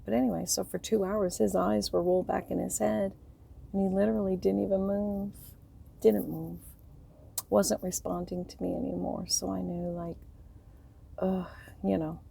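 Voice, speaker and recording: A middle-aged woman telling a personal story to camera in a soft, rambling way, grieving, her voice breaking and trailing off. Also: on the low side, gravelly, slight background noise. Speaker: vlogger.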